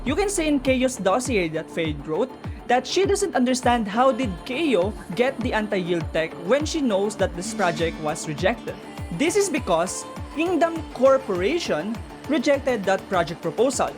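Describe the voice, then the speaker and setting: On the high side and sing-song, a woman's voice moves a little slowly as she chats to viewers about game lore, speculating informally. Music runs underneath her.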